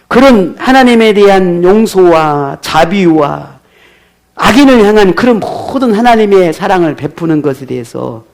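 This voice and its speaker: A male pastor preaching a sermon, asking his congregation rhetorical questions. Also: sits high.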